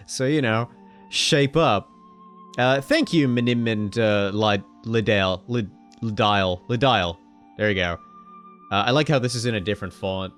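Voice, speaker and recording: In his let's-play video, a male gaming host reads the on-screen text aloud and jokes around. He swears casually and suddenly shifts into loud, high-pitched exclamations.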